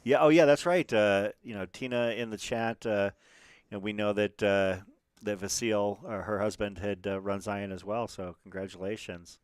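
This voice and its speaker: A man's voice: fairly low pitch, steady tone, normal speed, clear, resonant tone, no room sound, clean studio sound. A man doing casual live commentary on a race stream, chatty and rambling, with lots of fillers and restarts.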